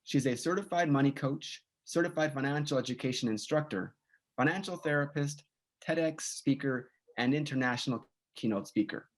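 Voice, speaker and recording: A man hosts a casual podcast, introducing his guest and asking questions. He rambles a little, correcting himself and filling pauses with small sounds. His pitch is ordinary. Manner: rambling, many fillers and self-corrections. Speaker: podcast co-host.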